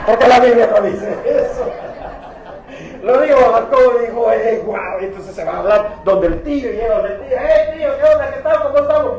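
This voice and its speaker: A man's voice: sits high, gravelly, dull audio. A man preaching a sermon as pastor, retelling biblical stories with humor and acting out the characters. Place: church. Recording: echoey church hall.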